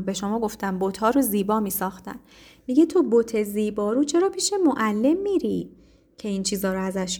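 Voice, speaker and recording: A woman teacher explaining poetry to her students, speaking patiently with frequent pauses and fillers. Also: fairly high pitch, dark tone. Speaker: literature teacher.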